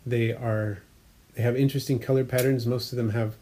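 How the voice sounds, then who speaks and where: Man with a dark, mellow voice chatting casually. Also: medium pitch, level tone, fairly quick, slight background noise. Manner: rambling, self-correcting, frequent fillers; explanatory, hobbyist detail. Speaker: aquarium hobbyist vlogger. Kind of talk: casual chat.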